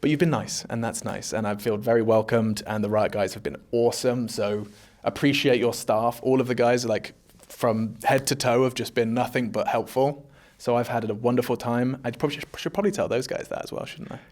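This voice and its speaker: A man's voice: medium pitch, fairly even intonation, brisk, a little mellow. A young man chatting casually as an interview guest, joking and self-deprecating. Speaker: esports caster, guest.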